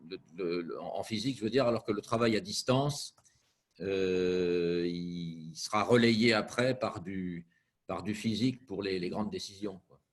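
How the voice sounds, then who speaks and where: A man taking part in a remote meeting discussion. He speaks hesitantly, with many pauses and restarts. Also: low voice. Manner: hesitant, halting, full of pauses. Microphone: video call.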